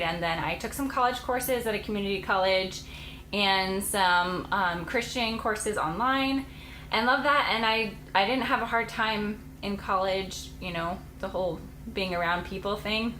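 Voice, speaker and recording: A woman's voice: medium pitch, measured pace, bright, forceful tone, reverberant, slight background noise, rough recording. A woman in her late twenties, a homeschooling mom vlogger, chatting casually and rambling to camera with frequent laughs. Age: late 20s.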